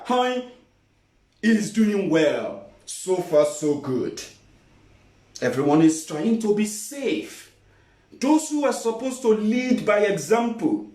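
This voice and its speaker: A man's voice: on the high side, a little mellow. A man hosting a morning political commentary broadcast, sarcastic, mocking and emphatic. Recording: roomy echo, distant from the mic.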